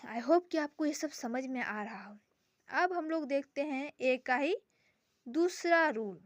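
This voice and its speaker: Young woman, high pitch, casual home tutor, rhetorical questions, slow repeated words. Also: expressive, no room sound. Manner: asks and answers her own questions, repeats words slowly. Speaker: teacher. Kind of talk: casual grammar lesson. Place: home with sisters noisy in background.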